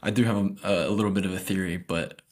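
A man's voice: sits low, steady tone, quick pace. A man hosting a podcast, asking questions casually and hesitantly, restarting phrases often. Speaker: podcast host.

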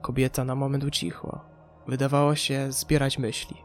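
Man narrating a dark story over music. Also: medium pitch, completely flat delivery, normal speed. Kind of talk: scripted audiobook narration. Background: faint music.

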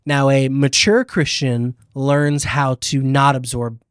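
A man's voice: mid-range voice, level tone, slow, clear, resonant tone, no echo, clean studio sound. A man hosting a casual faith podcast, talking emphatically with fillers and restarts. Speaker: podcast host.

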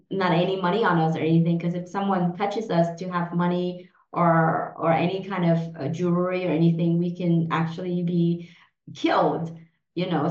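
With a lowish, darkish voice, a woman in her forties from Vietnam, a native Vietnamese speaker, answers a podcast interviewer haltingly, full of fillers and false starts. The sound is roomy, muffled and lo-fi.

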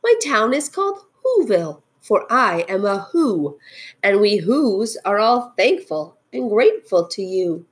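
A woman's voice: mid-range voice, big pitch swings, unhurried. A woman voicing a tiny, grateful mayor of a miniature people in a storybook, with a small piping voice and courteous manner. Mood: proud, friendly. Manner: friendly, courteous.

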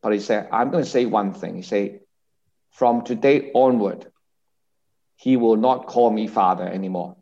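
A man's voice: lowish voice, dark tone. Man on a dull call line. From Hong Kong. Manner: measured storyteller, repeats reported speech. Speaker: guest, mission agency director. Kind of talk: conversational interview testimony. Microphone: video call. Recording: dull remote-call audio.

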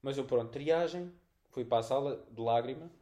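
A young podcast co-host with a European Portuguese accent tells a story in a casual chat, speaking at medium pitch and a little fast. He is animated, swears often, and acts out the scenes.

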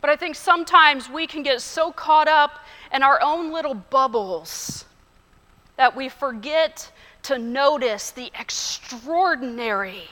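Woman pastor, sermon, bright high voice, unhurried and earnest, long church reverb. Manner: measured, earnest, storytelling. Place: church sanctuary.

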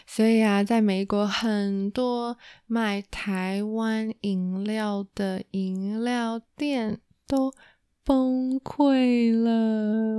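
A woman's voice: mid-range voice, mellow, smooth, no room sound, studio quality. A woman from Taiwan, a native Mandarin speaker with a Taiwanese accent, hosting a casual bilingual language lesson and repeating key words as she explains. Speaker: Mandarin teacher and host.

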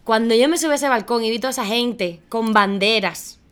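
A young woman from Cuba, a guest on a chat show, talking casually with excited exclamations and frequent laughter. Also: on the high side, a little fast, clear, resonant tone. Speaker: guest singer.

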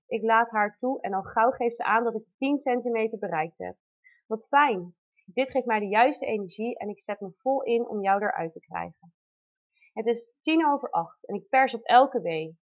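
Woman in her 30s reading a letter to her baby, soft and heartfelt, bit high voice, kinda dull lo-fi sound. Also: moderate pace. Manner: heartfelt, intimate, tender. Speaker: mother telling her birth story. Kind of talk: reading a personal letter aloud. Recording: dull lo-fi recording.

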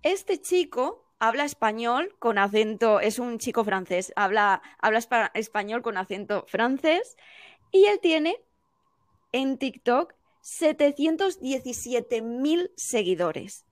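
Woman, higher voice, dry close sound; animated teacher giving advice as a podcast guest. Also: no room sound. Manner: animated, explaining with quick examples. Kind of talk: casual podcast conversation.

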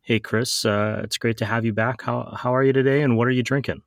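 A man hosting a podcast, chatting in a relaxed, joking way with frequent fillers. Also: mid-range voice, a little fast, no room sound, clean studio sound. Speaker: podcast host. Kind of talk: casual podcast chat.

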